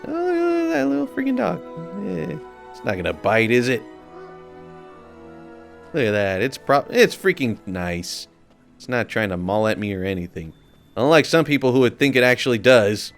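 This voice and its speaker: A man's voice: fairly low pitch, gravelly. A man giving offhand, mumbling asides while playing a video game. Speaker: game player. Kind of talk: let's play commentary.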